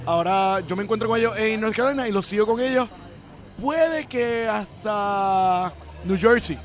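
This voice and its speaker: A man with a Puerto Rican accent, a guest in a casual chat, relaxed and slangy. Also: high-pitched, normal speed.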